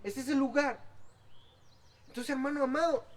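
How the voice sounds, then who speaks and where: A man preaching a sermon as pastor, swinging between loud exhortation and soft asides. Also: very high-pitched, steady tone, moderate pace. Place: outdoor church service. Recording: distant mic with faint background noise.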